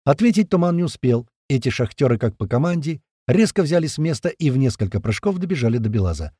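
Rough-spoken man narrating an audiobook. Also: mid-range voice, sing-song, quick pace, warm tone, no room sound, clean studio sound. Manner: colloquial, rough-spoken, vivid. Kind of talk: first-person audiobook narration.

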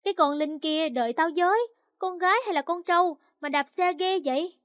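A woman's voice: high-pitched, moderate pace, no room sound, clean studio sound, lightly acted. A woman voicing a cheeky, playful teenage boy who teases his friend. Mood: teasing. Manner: teasing, playful.

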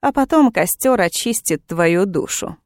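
A woman voicing a pompous, fanatical male witch-hunter who jails a witch, hissing and turning shrill when angry. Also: lively intonation, measured pace, a little mellow, no echo, studio quality, lightly acted.

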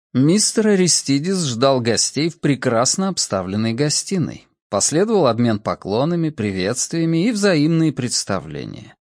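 A man narrating an audiobook in a measured, expressive reading. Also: medium pitch, no room sound, clean studio sound. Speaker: audiobook reader. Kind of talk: scripted narration.

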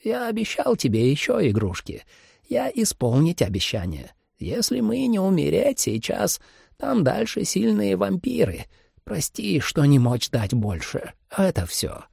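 A man voicing an old male ghost mentor who speaks in broken grammar, with a gravelly, husky voice. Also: high voice, wildly swooping pitch, unhurried, a little mellow, no room sound, clean studio sound, pitched above the performer's own voice, exaggerated voice. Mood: sad. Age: older. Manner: broken grammar, foreign-sounding, quavering.

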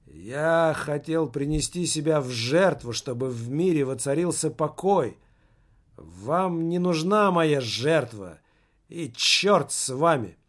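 A weary, bitter man who has given up on the people around him, as a male reader voices him. He speaks slowly and sourly, in a voice pitched a little high. It is an audiobook reading. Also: animated. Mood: bitter, resigned. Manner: bitter, resigned monologue. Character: despairing man, would-be self-sacrificing martyr.

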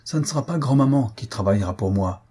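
A man reading an audiobook, voicing a proud young woman who speaks gently but firmly, close to his own voice. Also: on the low side, expressive, fast talker, breathy edge. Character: proud young woman, grieving, firm and dignified.

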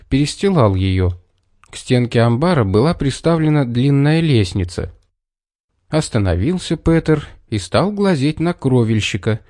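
A man reading a children's storybook aloud with expressive delivery. His pitch sits in the middle and moves a lot. The recording is dry and close. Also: dry recording. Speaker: narrator. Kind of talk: scripted storybook narration.

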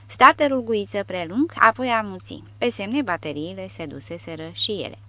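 A woman's voice: medium pitch, lively intonation, a bit bright. A woman narrating an audiobook, reading expressively and voicing the dialogue. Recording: dull, dry lo-fi recording.

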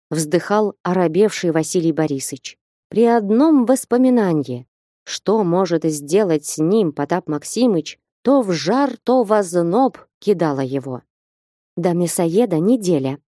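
Female audiobook narrator, measured and expressive; warm dark timbre, dry studio sound. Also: lowish voice, no echo.

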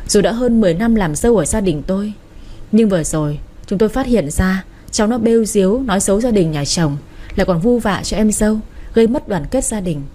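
A woman voicing a calm, formal older father-in-law who speaks in a measured way. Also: mid-range voice, lightly acted.

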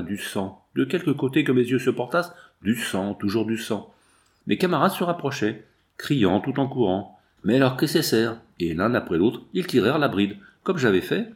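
A man narrating an adventure novel in the first person, with a measured, dramatic reading. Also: medium pitch. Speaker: audiobook narrator. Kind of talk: scripted narration.

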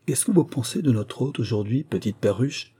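A man voicing a calm, dry-humoured aristocratic father questioning his daughters. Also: mid-range voice, normal speed, breathy edge, voice pushed up.

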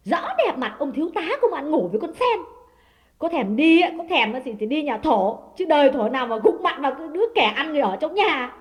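A woman doing a shrill, furious jealous mistress. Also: rapid-fire, few pauses, in a large hall, natural voice. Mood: enraged scolding. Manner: shrill, abusive shouting. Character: furious jealous woman of the house, scolding and cursing.

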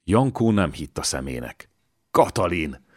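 A man reading a historical novel as an audiobook narrator, in a measured, dramatic way. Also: sits low, no echo, studio quality. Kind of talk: scripted narration.

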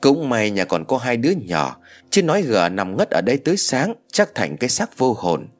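A man's voice: medium pitch, very animated, moderate pace, soft background music, close to an everyday voice. A man doing a tactless gossipy old woman. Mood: brash. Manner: tactless, brash. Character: blunt gossipy older woman neighbor.

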